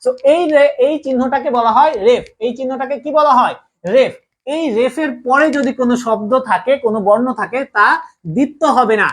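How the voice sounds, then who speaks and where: Woman teacher from Bangladesh, higher voice, repeats each rule as a question for the class. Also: a little fast. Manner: drills students with repeated call-and-answer questions. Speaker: online Bangla grammar teacher. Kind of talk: live online class lesson.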